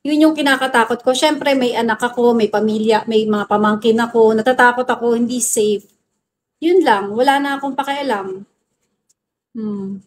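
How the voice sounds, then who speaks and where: A Filipino woman with a fairly high, steady voice chats at normal speed on a phone livestream, reading and bluntly answering viewer comments. She scolds hecklers and laughs often. Slight background noise comes through the phone mic.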